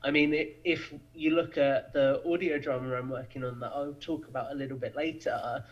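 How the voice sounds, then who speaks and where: Over lo-fi, dull audio, a young man from the UK guests on a podcast, chatting casually and with enthusiasm. His mid-range voice holds fairly even intonation at a normal speed.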